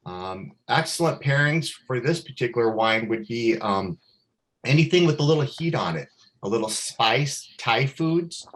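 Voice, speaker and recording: A man's voice: mid-range voice, lively intonation, normal speed, fairly bright tone. A man fluently presenting a wine, describing it in detail with frequent fillers. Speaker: wine representative. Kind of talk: product presentation.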